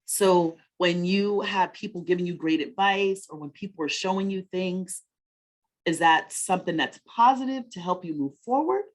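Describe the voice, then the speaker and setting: At a moderate pace, a woman with a somewhat low voice leads a children's story time. Like a supportive teacher, she chats with the kids, asks questions to check in, and echoes their answers back.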